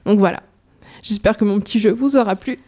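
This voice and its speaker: A woman presenting a poetry game on a radio show, playful and quick to laugh. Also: mid-range voice, darkish tone. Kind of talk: radio chat and reading.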